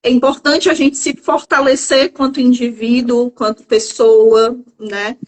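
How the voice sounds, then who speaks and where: Calm, measured Brazilian woman, higher voice. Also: poor audio. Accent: Brazilian Portuguese. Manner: calm, measured, often pausing with "é" and "né". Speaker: psychologist guest. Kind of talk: reflective live-stream conversation.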